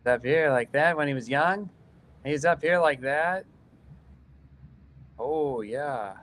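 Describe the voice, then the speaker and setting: A man's voice: a little high, takes it slowly, a bit bright. Easygoing cartoonist man on a livestream. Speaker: cartoonist and co-host. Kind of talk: casual livestream chat.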